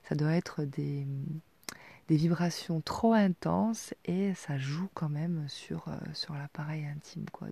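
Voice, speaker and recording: A woman in her forties with a gravelly, warm, mellow voice gives intimate advice. She talks softly and hesitantly, with many fillers, and often sinks to a near-whisper. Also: low voice. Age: 40s. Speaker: sex educator.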